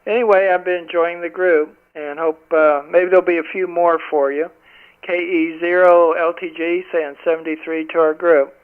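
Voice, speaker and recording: A man's voice: a little high, fairly even intonation, moderate pace, clean tone, phone-quality sound. An American man chatting casually as a participant on an amateur radio net, heard through a two-way radio. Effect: heard over amateur two-meter radio. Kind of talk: casual ham radio chat. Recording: band-limited two-way radio.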